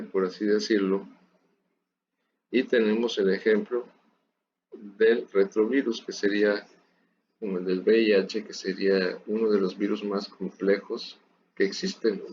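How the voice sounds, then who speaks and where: A man's voice: lowish voice, darkish tone. A man giving a recorded university lecture, explaining steadily and speaking directly to his students. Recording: dull lo-fi audio with faint noise.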